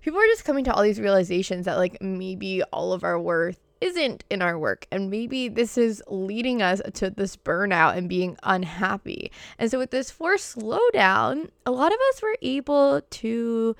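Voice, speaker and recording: Chatty young woman, Boston accent, gravelly fry. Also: mid-range voice, fairly bright tone, no room sound, studio quality. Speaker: podcast host. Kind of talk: casual solo podcast talk.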